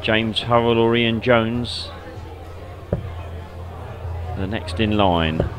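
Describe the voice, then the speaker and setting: A man's voice: lowish voice, extremely slow, faint music behind. A man co-commentating on darts in a conversational style with brief, understated remarks. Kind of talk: live sports commentary, conversational. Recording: noisy venue with crowd behind. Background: crowd murmur.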